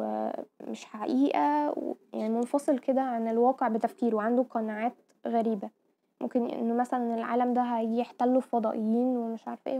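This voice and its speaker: A woman's voice: on the high side, warm tone. A woman with an Egyptian Arabic accent giving a medical lecture, explaining terms step by step and often checking that listeners follow. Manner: explanatory, mixing English medical terms, frequent "tamam?" checks.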